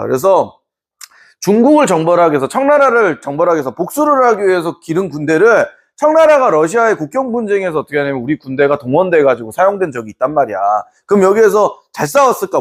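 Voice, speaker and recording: Animated, high-voiced male history teacher. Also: fast. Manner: playful, acts out quotes, laughs often. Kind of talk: classroom lecture.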